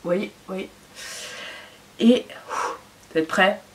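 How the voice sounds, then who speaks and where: A woman's voice: mid-range voice, slow pace. Chatty, enthusiastic young woman vlogger. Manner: enthusiastic, chatty, with frequent fillers. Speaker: fashion and beauty vlogger. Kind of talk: casual haul video chat.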